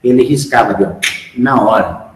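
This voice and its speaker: A man's voice: lowish voice, measured pace. A man with a Brazilian Portuguese accent giving a frank, emphatic spiritual lecture, asking his followers rhetorical questions. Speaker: spiritual instructor. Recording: echoey hall, long reverb.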